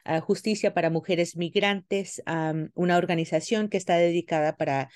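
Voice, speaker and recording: A middle-aged woman from South Texas telling her story in a podcast interview, halting with many fillers and restarts. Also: lowish voice, steady tone, a little mellow, no room sound, studio quality. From South Texas, US border. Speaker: guest, farmworker advocate.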